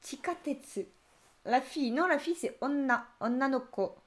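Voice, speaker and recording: During her live-streamed Japanese class, a young teacher speaks at a normal pace in a slightly high voice. She keeps things chatty and animated, often laughing at the answers viewers send in.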